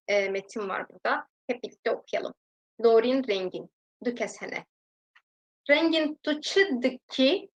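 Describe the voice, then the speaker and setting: A young adult woman giving a recorded language lesson, patiently explaining grammar and repeating example sentences slowly. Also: fairly high pitch, lo-fi sound. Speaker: language teacher.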